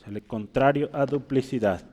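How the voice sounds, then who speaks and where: A man's voice: mid-range voice, moderate pace, a little mellow, long reverb tail. A man preaching an expository sermon in a church, explaining scripture and Greek words while turning to his listeners with frequent rhetorical questions. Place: church hall.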